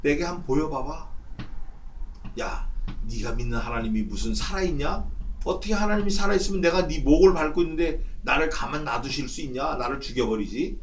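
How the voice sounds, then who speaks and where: A man's voice: fairly high pitch, a little fast, a little hiss or hum, lightly acted. A man voicing a mocking male enemy who taunts a believer, in a sermon, recorded from a distance. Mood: sneering.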